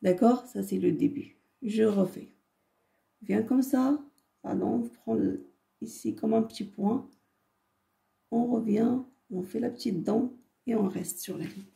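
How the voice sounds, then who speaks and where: Female teacher, patient and slow, gravelly low-key voice, drawn-out sounds for young pupils; echoey room, mic at a distance. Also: dark tone. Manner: patient, slow and careful, models sounds by drawing them out. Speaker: Arabic teacher for children. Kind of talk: whiteboard lesson for children.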